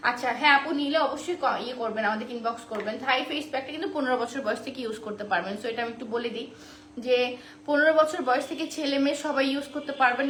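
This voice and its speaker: Woman, online shop seller, high voice, chatty live-stream pitch that keeps repeating the offers, echoey room. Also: fairly bright tone. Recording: roomy echo, faint background noise.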